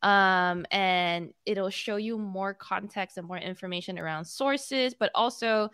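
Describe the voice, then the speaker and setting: Here the same bubbly young co-host chats about tech indoors at home, using a studio mic on a video call and sprinkling in many fillers. Her mid-range voice is unhurried, slightly bright, and clean-toned. The recording is dry, with crisp studio sound.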